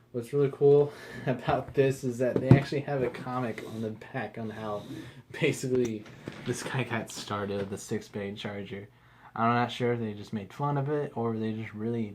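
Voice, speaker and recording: A man's voice: fairly low pitch, darkish tone, a little hiss or hum. A man giving a casual, rambling product review, swearing now and then.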